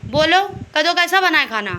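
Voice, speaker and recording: Woman, home vlogger, bright tone, a bit high-pitched, chatty, talks to viewers, phone recording indoors. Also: expressive, moderate pace, slight background noise. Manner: chatty, addresses viewers as guys while tending to kids. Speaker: vlogger and mother. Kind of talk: casual family vlog narration.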